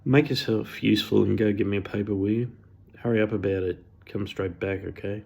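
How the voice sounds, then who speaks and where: A man's voice: on the low side, fairly even intonation, a little fast, vocal fry, a little mellow, husky. A man voicing his sick elderly father, who is curt, barking and insulting. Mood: gruff.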